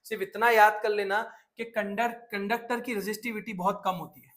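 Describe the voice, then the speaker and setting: A lively man teaching a science class for exam prep, with a high voice. He switches between Hindi and English as he talks. He fires questions at the students and answers them himself. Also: fairly quick. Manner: energetic, mixes Hindi and English, asks and answers his own questions.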